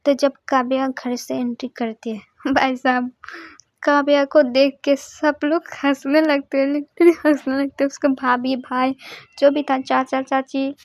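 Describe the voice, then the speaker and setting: A woman's voice: high voice, little pitch movement, a little slow, no room sound. A young woman casually retelling a story in a loose, chatty way, with fillers and laughs.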